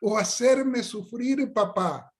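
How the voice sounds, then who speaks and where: A man's voice: very high voice, takes it slowly, pitched above the performer's own voice. A man voicing a young boy who begs his father in an overly reverent, sing-song way. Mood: fawning pleading. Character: young boy, fawning and pleading to his dad.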